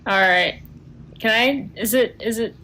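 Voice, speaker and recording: A woman's voice: fairly high pitch, measured pace, pushed and bright. A woman playing a tabletop game over a voice call, easygoing and hesitant, trailing into fillers. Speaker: player. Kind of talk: casual tabletop game chat.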